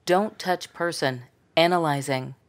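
A woman voicing the recorded spoken prompts of a defibrillator, giving flat, clipped commands. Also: sits low, unhurried. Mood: instructive. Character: calm female defibrillator voice prompt.

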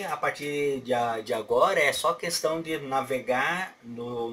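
A Brazilian man with a Brazilian Portuguese accent and a mid-range, fairly bright voice rambles his way through fixing a phone as a casual how-to. He's a tech tutorial host who fills pauses with "certo?" and mouth sounds like "pá, pá". He sits at a desk in a small home office, captured by a distant webcam mic with faint room noise.

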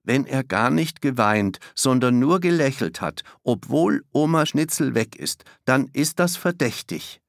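A man's voice: mid-range voice, animated, unhurried, creaky, few pauses, no echo, clean studio sound, voice pushed up. A man voicing a serious young boy in an audiobook, hesitant and grave.

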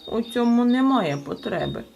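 A woman's voice: on the low side, lively intonation, moderate pace, gravelly, dull audio, a little hiss or hum. A woman voicing a stern, self-important male storybook creature who acts as a judge, speaking in a clipped, officious way.

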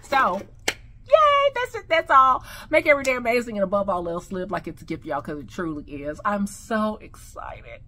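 A woman with a slight lisp, speaking with new veneers in an excited, gushing casual vlog to her viewers. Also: mid-range voice, normal speed. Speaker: vlogger. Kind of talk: casual product review vlog.

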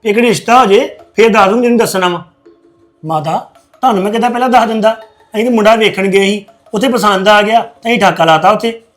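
A man's voice: high voice, quick pace, soft background music, close to an everyday voice. A man plays a grown son who insistently argues back at his mother. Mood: arguing. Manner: argumentative, insistent. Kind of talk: family web series acting.

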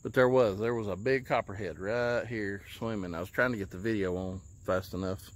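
A man, chatting casually while fishing from an outdoor lake dock, recorded on a handheld phone and often talking low and hushed. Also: fairly even intonation, a little fast. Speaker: fishing vlogger. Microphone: handheld phone camera.

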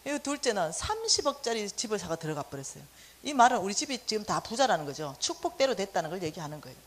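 A woman preacher delivering a sermon, telling personal stories with animated storytelling and acting out quoted lines. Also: medium pitch, quick pace.

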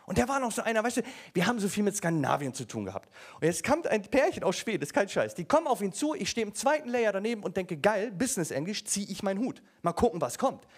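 A man's voice: sits high, very animated, quick pace, hardly any pauses. A man doing a stand-up comedy set, telling stories in a brash, slangy way. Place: comedy stage. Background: audience laughter.

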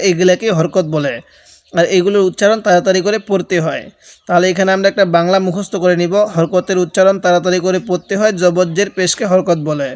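A man's voice: high voice, a little mellow. A man teaching Quran reading, patiently sounding out each Arabic letter and vowel and correcting common mistakes. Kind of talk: slow step-by-step lesson.

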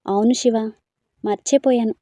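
A woman's voice: on the high side, fairly even intonation, normal speed, dark tone, dry recording, studio quality, natural voice. A woman reading a storybook, voicing an affectionate elderly grandfather who asks fond questions.

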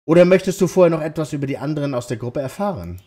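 A man reading a game's lines as a shy young woman ghost hunter, in a gently softened feminine lilt. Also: on the high side, expressive, rapid-fire, a little hiss or hum, close to an everyday voice. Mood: friendly. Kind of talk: reading game dialogue aloud.

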